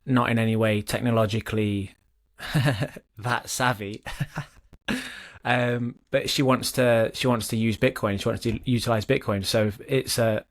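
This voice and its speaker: A man's voice: medium pitch, steady tone. A man co-hosting a podcast, talking casually and reading a book chapter aloud, with frequent restarts and asides. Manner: chatty, self-correcting, pauses to comment. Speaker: podcast co-host.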